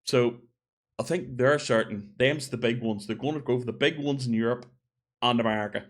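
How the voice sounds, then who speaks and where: A man's voice: mid-range voice, normal speed. A man giving a casual opinion monologue, chatty and thinking aloud as he corrects himself. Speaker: gaming video creator.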